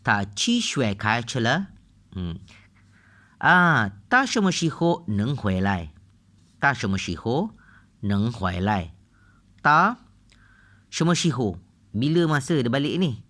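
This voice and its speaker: A man with a Malaysian accent tutoring a beginner language lesson, repeating each phrase several times and switching between languages as he explains. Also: lowish voice. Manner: drills phrases by repeating them, mixes languages. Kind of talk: casual lesson walkthrough.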